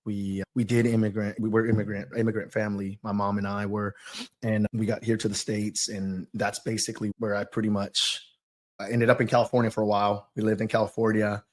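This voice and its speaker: A podcast guest from Oaxaca in southern Mexico, who coaches youth soccer and owns a business, tells personal stories in an interview. His fairly low voice keeps a level tone as he speaks in a halting, reflective way, searching for words and seeming a little nervous.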